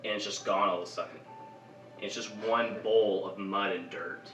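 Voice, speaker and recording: A man running a tabletop game as game master, narrating dramatically and bursting into loud shouted lines. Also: fairly low pitch, fairly even intonation, normal speed, echoey room, recorded from a distance, faint music behind, poor audio.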